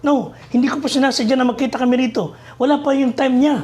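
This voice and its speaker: A man voicing Death as a polite, calm, hooded skeleton in a sermon story. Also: very high-pitched, fast talker. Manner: soft, courteous, explaining.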